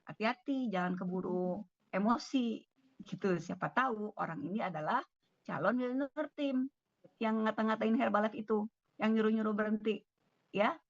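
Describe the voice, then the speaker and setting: A woman's voice: mid-range voice, normal speed, no echo. A woman doctor with an Indonesian accent telling a story on a video call and acting out the dialogue. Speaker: doctor giving a talk. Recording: dull lo-fi video call audio.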